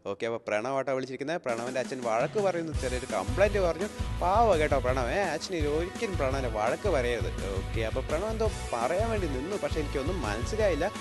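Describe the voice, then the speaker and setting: A young man hosting a children's phone-in game show, calling the game with excited, sing-song, coaxing talk aimed at kids. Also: mid-range voice, fast talker, hardly any pauses. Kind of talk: live game commentary for kids. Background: background music.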